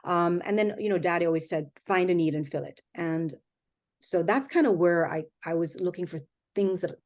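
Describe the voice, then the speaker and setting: A woman's voice: lowish voice, moderate pace, a little mellow. A middle-aged woman from Jamaica with a Jamaican accent, chatting easily as a guest in an interview, often laughing. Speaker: guest, company founder. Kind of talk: casual interview talk.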